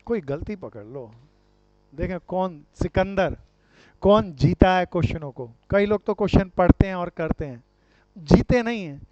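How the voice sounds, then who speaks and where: A man's voice: high voice, animated, normal speed, darkish tone, dry recording. Male teacher, quizzing style, slightly dull lo-fi recording. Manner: quizzing students, calls them dear friends and brother. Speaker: commerce teacher. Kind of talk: classroom lecture with questions to students. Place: classroom. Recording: dull lo-fi sound.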